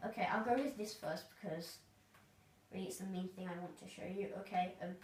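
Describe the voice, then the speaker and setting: A woman's voice: on the low side, a little fast, reverberant. Woman, casual game tour, rambling, lots of ums, faint background hiss, mic at a distance. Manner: rambling, hesitant, many fillers. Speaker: gamer giving a tour of their world.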